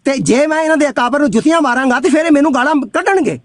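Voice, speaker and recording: A man's voice: very high voice, very fast, dry recording, studio quality. A man, arguing hotly in a live debate, accusing and restarting often. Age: 60s. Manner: heated, accusing, stumbling restarts.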